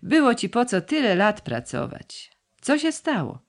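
A man's voice: very high voice, huge pitch swings, unhurried, pitched above the performer's own voice, exaggerated voice. A man voicing a grumbling, gloomy old male servant in a storybook reading, mournful in tone.

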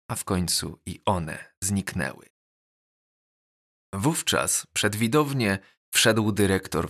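A man narrating a novel as an audiobook, measured and even. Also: fairly low pitch. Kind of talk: scripted narration.

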